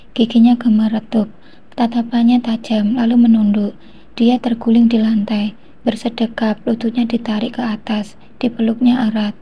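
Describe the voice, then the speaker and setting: A woman narrating a romance novel in the first person, with a soft, even delivery. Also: on the high side, breathy edge, highs cut off.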